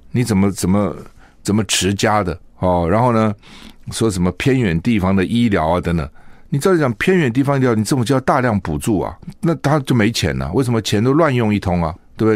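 A man's voice: on the low side, no room sound, studio quality. A man hosting a radio show, giving opinionated solo news commentary full of rhetorical questions.

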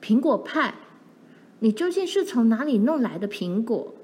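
A woman voicing a pioneer father who speaks in a slower, lowered, measured way. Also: sing-song, a little mellow. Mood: delighted. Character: pioneer father, grown man, puzzled and steady.

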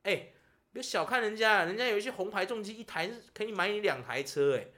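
A fairly high-voiced man with a Taiwanese Mandarin accent, hosting a casual podcast chat. His pitch swings widely as he rants and tells stories with lots of feeling. He sounds like an excited storyteller. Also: brisk. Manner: animated, ranting storyteller. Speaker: podcast host.

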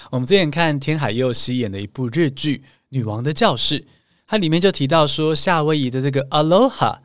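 A man's voice: a little high, dry recording, clean studio sound. A man hosting a podcast English lesson, telling a travel story in a playful, teasing way. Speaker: podcast host and English speaking coach.

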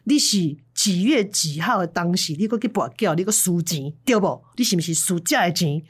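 A woman voicing a stern middle-aged male temple medium who shouts angrily in Taiwanese Hokkien. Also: on the low side, lively intonation, a little fast. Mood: furious scolding.

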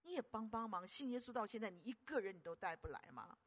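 An older woman preacher, giving an animated, teasing sermon full of rhetorical questions. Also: medium pitch, fast.

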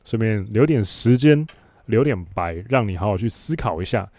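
A man's voice: lowish voice, animated, normal speed, a little mellow, no room sound. A man with a Taiwanese Mandarin accent hosting a podcast, telling a work story in a blunt, sarcastic, casual monologue. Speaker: podcast host.

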